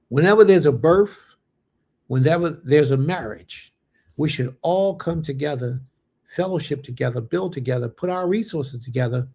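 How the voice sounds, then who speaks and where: A slightly rough, darkish mid-range voice with vocal fry belongs to a late-thirties man hosting a religious fellowship livestream. He reads out comments from viewers and responds in easy conversation, mixing in Hebrew blessings.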